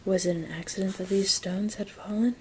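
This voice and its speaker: A woman whispering a story in a soft, gentle ASMR reading, taking her time. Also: mid-range voice, steady tone, brisk, slight background noise. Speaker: reader of an audiobook-style story.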